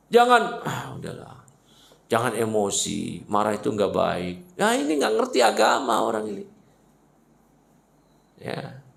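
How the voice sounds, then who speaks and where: Male preacher, high voice, very lively swings in pitch, emphatic rhetorical questions, mosque sermon. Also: creaky, reverberant. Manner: emphatic, fired-up, rhetorical questions, mocking asides. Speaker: Islamic preacher.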